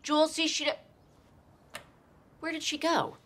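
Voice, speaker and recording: An actress playing an exasperated woman grilling her friend with rapid-fire questions in a sitcom. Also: high-pitched, level tone, fairly bright tone, slight background noise. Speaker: sitcom character. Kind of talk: sitcom acting.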